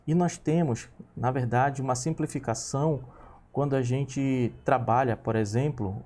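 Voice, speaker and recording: A man in his thirties with a warm, medium-pitched voice leads a screen-recorded coding lesson. He patiently takes students through each step and checks that they are following.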